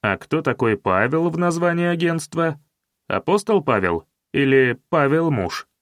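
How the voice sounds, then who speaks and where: A cocky young cook, quick with a wisecrack and full of nosy questions, as an audiobook reader voices him. The voice sits slightly high for a man. It is recorded dry and close, with no room around it. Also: very animated, a bit bright, dry recording, heavily acted. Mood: joking. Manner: wisecracking, curious. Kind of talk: audiobook character voice.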